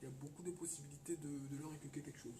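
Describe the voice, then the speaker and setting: Speaking rapid-fire in a fairly high, steady voice, a man from the Ivory Coast joins a casual chat as a radio guest. He hesitates, repeats words and sometimes stresses points. The sound is echoey, distant and faintly noisy.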